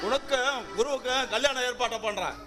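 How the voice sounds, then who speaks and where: A man's voice: extremely high pitch, brisk. A man playing a stern domineering father. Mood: angry. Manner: scolding, commanding stage delivery. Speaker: actor in a village stage drama. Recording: stage recording with loud music behind.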